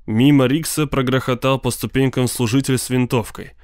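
Smooth-voiced male audiobook narrator. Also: medium pitch, moderate pace, no room sound, studio quality. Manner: steady dramatic storytelling. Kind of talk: audiobook reading.

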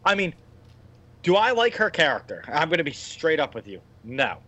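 A man's voice: a little high, very animated, normal speed, pushed and bright. A man in his thirties co-hosting a casual wrestling podcast, blunt and opinionated, rambling through his points. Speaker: podcast co-host. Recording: dull lo-fi audio.

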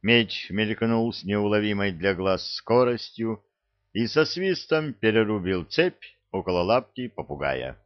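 A man reading a fantasy audiobook aloud with a lively, varied delivery. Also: lowish voice, unhurried, no echo, muffled recording. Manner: lively, varied delivery that plays all the characters. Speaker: audiobook narrator.

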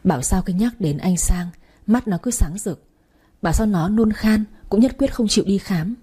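A woman's voice: mid-range voice, normal speed, mellow, husky. A woman narrating a first-person dramatic story with emotional delivery.

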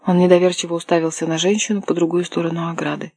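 A steady audiobook narration with a mellow, husky voice. It is recorded close and dry, with no room sound. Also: medium pitch, fast, dry recording. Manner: steady storytelling. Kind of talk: scripted narration.

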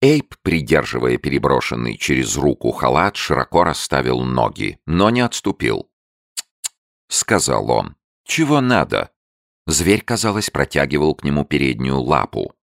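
A very deep-voiced man reads a novel aloud in an expressive storytelling manner. His gravelly voice swoops widely in pitch. The recording is dry and close. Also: moderate pace, no room sound. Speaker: audiobook reader. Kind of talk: scripted literary narration.

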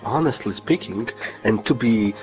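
A man's voice: fairly low pitch, darkish tone, lo-fi sound, faint music behind. A man with a Polish accent hosting a podcast in casual chat, teasing his co-host and often restarting his sentences. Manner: teasing, halting, restarts a lot.

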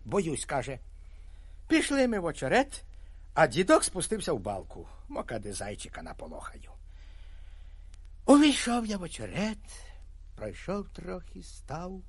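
Male reader doing a chatty aging hunter, storybook yarn, bright lively delivery, dry close sound. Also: sits high, no echo. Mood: rueful. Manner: lively storytelling, animated exclamations. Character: garrulous 56-year-old male hunter telling a tale.

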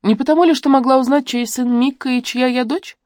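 A woman doing a defiant, sharp-tongued young woman. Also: sits high, steady tone, a little fast, no echo, clean studio sound, pitched above the performer's own voice, close to an everyday voice. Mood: alarmed. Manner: sharp, challenging, rising to near-hysteria. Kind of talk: audiobook dialogue.

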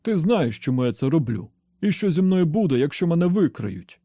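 A man's voice: fairly high pitch, sing-song, brisk, warm tone, dry recording, studio quality, pitched above the performer's own voice. A man voicing a frightened, bitter middle-aged male traitor who whines and then speaks wearily with dignity. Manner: whiny then weary and dignified.

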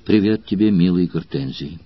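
A man with a husky voice reading the lines of a passionate noble Roman woman in an audiobook, soft and anxious, often near a whisper. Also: low voice, moderate pace, no echo, lo-fi sound. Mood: commanding.

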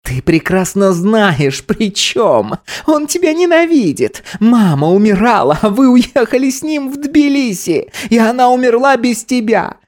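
A man's voice: very high voice, sing-song, unhurried, few pauses, darkish tone, voice pushed up, heavily acted. A man voicing a furious grown daughter in an audiobook, screaming bitter accusations. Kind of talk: audiobook character voice.

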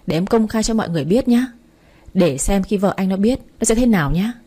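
A woman's voice: mid-range voice, expressive, fairly quick, dark tone, breathy edge. A woman voicing a scheming young mistress in a storybook reading, wheedling in a raised voice. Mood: shrill, threatening. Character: scheming young mistress, coy then panicky.

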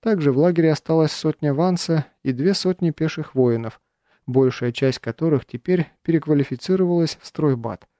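A man reading a first-person adventure audiobook in a measured, even storytelling manner. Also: fairly high pitch, no echo, studio quality. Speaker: audiobook narrator.

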